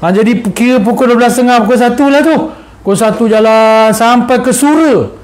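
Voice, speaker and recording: Man, Malaysian Malay accent, middle-aged, religious teacher, high voice, animated storytelling lecture. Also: fairly quick. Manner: animated, repeats phrases and addresses the audience often.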